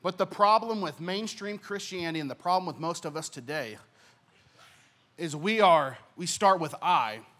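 Young male pastor preaching on a church stage, handheld mic, earnest delivery that swells on key points and softens at phrase ends. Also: fairly high pitch. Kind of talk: sermon.

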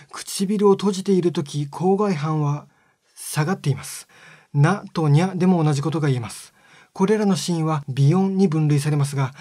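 A man giving a scripted lesson on speech sounds, explaining step by step in a calm, polite way. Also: fairly high pitch, no echo, clean studio sound. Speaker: phonetics teacher.

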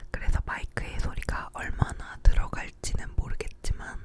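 In her living room at home, a young ASMR creator murmurs softly and without hurry, chatting about everyday life in a whisper. She leans right into the ear-to-ear microphone, placed close to her mouth.

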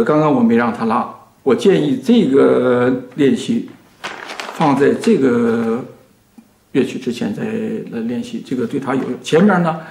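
Gravelly man teaching violin slowly. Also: mid-range voice, slight background noise. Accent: Mandarin Chinese. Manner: slow, patient, instructive, trails off softly. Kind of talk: explaining to a student in a lesson. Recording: echoey room with violin playing.

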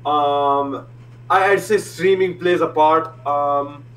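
A young man from India on a video call, trolling a dating-show date with deadpan, halting talk full of repeated words. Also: on the high side, distant mic. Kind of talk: joking video-call banter. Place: small room at home. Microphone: headset on video call. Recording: noisy video call line.

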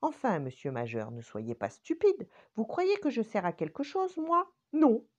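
A woman's voice: a little high, wildly swooping pitch, a little slow, darkish tone, lo-fi sound, pitched above the performer's own voice, exaggerated voice. An older woman voicing a vain ring finger man who scolds his friend to be brave. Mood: scolding.

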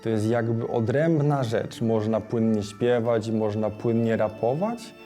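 A man's voice: on the low side, unhurried, dark tone, faint music behind. A young man speaking earnestly and matter-of-factly in a documentary interview.

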